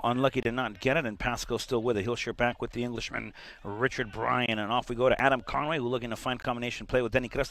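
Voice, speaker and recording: A man's voice: mid-range voice, gravelly, fairly bright tone. A man giving live play-by-play commentary on a soccer match for a stream.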